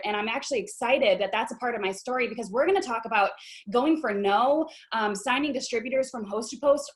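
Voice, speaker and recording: Bubbly, excited young woman hosting a call. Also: high-pitched. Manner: bubbly and excited, with frequent fillers. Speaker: host of a business video call. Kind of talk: casual livestream talk.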